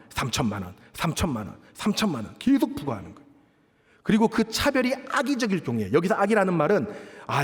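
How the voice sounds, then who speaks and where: A man in his thirties preaching a sermon as a pastor, emphatic and posing rhetorical questions to the congregation. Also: sits high. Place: large church sanctuary. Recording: long church hall reverb.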